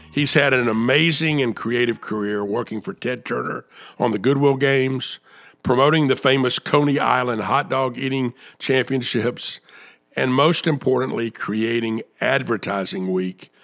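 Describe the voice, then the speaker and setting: A man's voice: mid-range voice, gravelly, a bit bright. A man hosting a show, delivering a scripted motivational monologue and guest introduction. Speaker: show host.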